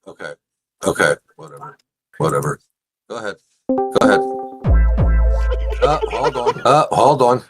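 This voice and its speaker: A man's voice: lowish voice, sing-song, measured pace, long pauses, fairly bright tone, faint music behind. A man hosting a casual livestream, his blunt, cursing talk doubled back at him as an echo with a short delay. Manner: blunt, cursing, repeats himself. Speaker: show host.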